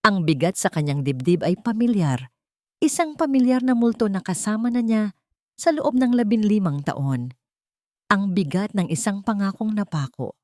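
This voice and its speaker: A woman storyteller reads a scripted, dramatic narration in a mid-range, slightly mellow voice with lively intonation at a normal pace. The studio sound is clean, with no room sound.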